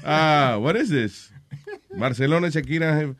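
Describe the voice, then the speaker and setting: A man's voice: fairly high pitch, slow pace, crowd noise. A man hosting a radio show in casual studio banter, joking and slipping between Spanish and English. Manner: jokey, mixes Spanish with English.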